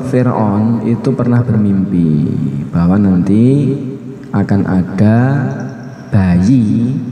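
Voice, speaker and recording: Male preacher, conversational and repetitive, mellow tone, long hall echo. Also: lowish voice. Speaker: religious teacher. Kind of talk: casual Islamic study sermon. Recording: echoey hall with long reverb.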